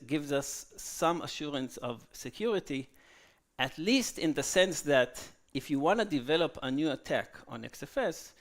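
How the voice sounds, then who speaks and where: Gravelly-voiced man giving a technical talk. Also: a little high. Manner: frequent "okay?" tag questions, halting with fillers. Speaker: conference speaker. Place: conference hall.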